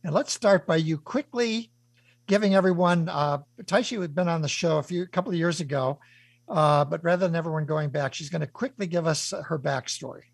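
A man's voice: fairly high pitch, a little fast, vocal fry, slightly rough, dry recording. A man hosting a radio show, formally reading a guest introduction. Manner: formal, reads from a script. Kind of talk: scripted introduction and interview.

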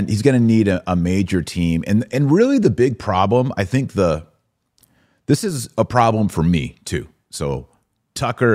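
A man running a live-stream podcast offers casual commentary in halting phrases, full of repeats and rhetorical questions. His voice sits low and is a little mellow.

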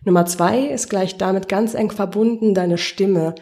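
A woman's voice: mid-range voice, measured pace, mellow. Encouraging female voice coach. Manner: encouraging, addresses the listener directly; explanatory, poses guiding questions. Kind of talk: podcast lesson.

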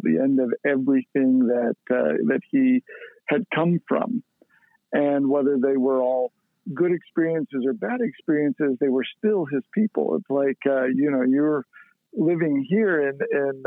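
A man's voice: medium pitch, dry recording. A man co-hosting a casual podcast, explaining things at length in a thoughtful way with many fillers. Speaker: podcast co-host. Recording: tinny phone-like line.

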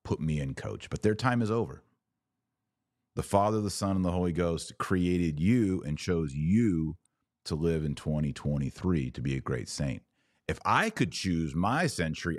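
A middle-aged American man with a very deep, slightly mellow bass voice gives religious commentary in the manner of a podcast host. He's emphatic and preachy yet folksy and conversational, recorded close to the mic with a dry sound and no room echo.

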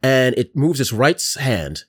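Male game master, husky and lively tone, descriptive narration. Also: mid-range voice, measured pace.

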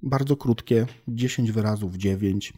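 Dark-voiced man explaining casually. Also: lowish voice, measured pace, slightly rough. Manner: explains with homely examples, thinks aloud with fillers. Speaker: language researcher guest. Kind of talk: casual expert conversation.

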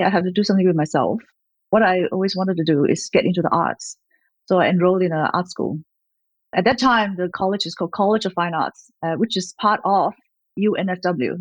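Speaking with no echo around her, the Malaysian woman in her fifties uses a fairly low pitch. As a gallerist being interviewed conversationally, she wanders from point to point, laughing lightly and leaning on fillers.

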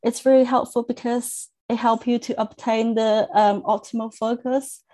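Appearing as a guest on a podcast interview, a young academic coach from China, whose first language is Chinese, speaks in a fairly high, warm voice that stays fairly level in pitch. She is earnest, with reflective pauses and restarts.

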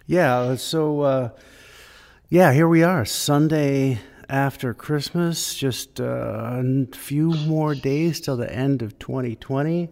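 A man's voice: medium pitch, slow pace, vocal fry, darkish tone. Man in a cavernous, echoing church. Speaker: church podcast host. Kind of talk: casual chat. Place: empty church sanctuary. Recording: cathedral-like echo in empty church sanctuary.

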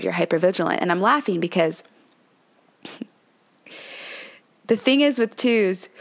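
A woman hosting a numerology podcast in casual talk, laughing often and filling her speech with "like" and "right?", slipping into brief mock voices. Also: lowish voice. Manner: chatty, laughs often, says "like" and "right?" a lot; dips into mock voices playing the number. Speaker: podcast host, numerology coach.

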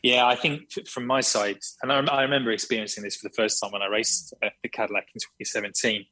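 A man's voice: on the low side, steady tone, fast, bright, forceful tone, low-quality recording. A man, a racing driver, talking enthusiastically in a remote interview, smiling as he speaks. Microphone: remote call, audio only.

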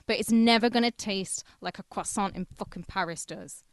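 A woman's voice: mid-range voice, moderate pace, no echo. Blunt woman co-host. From Britain. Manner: animated, blunt, swears freely. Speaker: podcast co-host. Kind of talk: casual podcast chat.

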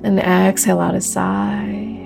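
A woman leading a guided meditation like a sleep story narrator, speaking gently and slowly with long pauses. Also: medium pitch, level tone, gravelly. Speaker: meditation teacher leading a group practice. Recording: new-age music under the voice. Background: soft new-age music.

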